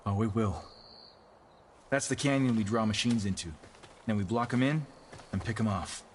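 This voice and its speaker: A man's voice: lowish voice, moderate pace, a little hiss or hum, lightly acted. Man playing a grim, loyal soldier leader. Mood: earnest. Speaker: soldier commander.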